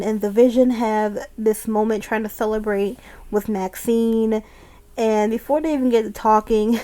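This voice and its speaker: A woman's voice: on the high side, mellow. A woman casually recapping a wrestling show, chatty and often laughing as she retells it.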